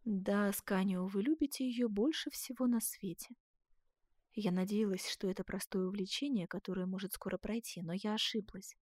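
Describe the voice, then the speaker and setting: A woman's voice: mid-range voice, moderate pace, darkish tone, dry recording, natural voice. A woman voicing a passionate noble duchess with a melodious, pleading voice, in a dry close recording. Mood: sad, soft.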